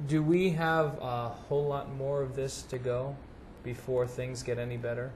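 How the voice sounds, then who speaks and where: A man's voice: medium pitch, steady tone, normal speed, darkish tone, a little hiss or hum. A man taking part as a questioner, speaking casually and politely in a hesitant, tentative way. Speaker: audience questioner at a channeling session.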